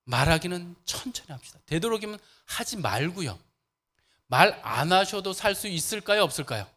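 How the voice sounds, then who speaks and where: A man preaching a sermon as pastor, asking the congregation questions and answering them, moving between loud fervor and soft, lowered speech, with frequent laughs. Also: big pitch swings, moderate pace. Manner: laughs often while preaching. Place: church sanctuary.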